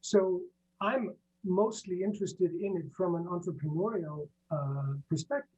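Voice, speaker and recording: A middle-aged man from Iceland, a business professor answering interview questions haltingly with many fillers and repeated words. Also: high voice, darkish tone, breathy edge, lo-fi sound.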